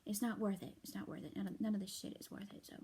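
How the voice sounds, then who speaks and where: This vlogger, a young woman exhausted after dark, airs her frustrations to viewers, quiet and faltering, frequently half-whispering and leaning on fillers. Her medium-pitched voice is a touch hoarse and barely moves in pitch.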